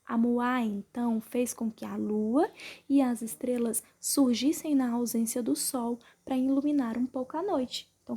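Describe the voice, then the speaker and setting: A woman teacher from Brazil, patiently going through the answers of an exercise for her class and spelling them out slowly. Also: high-pitched, mellow, slightly rough. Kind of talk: remote class lesson, correcting exercises.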